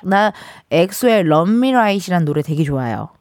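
A woman's voice: lowish voice, big pitch swings, a little slow, a little mellow, no echo, studio quality. A woman hosting a radio show, chatting playfully with a caller and laughing often. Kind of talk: casual radio chat with a caller.

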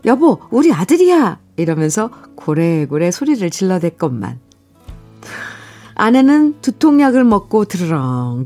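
Woman radio DJ, calm and unhurried, reading listener stories over quiet music. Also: on the low side. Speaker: radio host. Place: radio studio.

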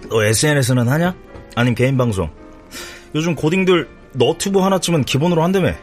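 An actor playing a smooth-talking young recruiter who acts like a friendly older brother, chummy and persuasive. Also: male voice, a little high, brisk, faint music behind, lightly acted. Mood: coaxing. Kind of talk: TV drama acting.

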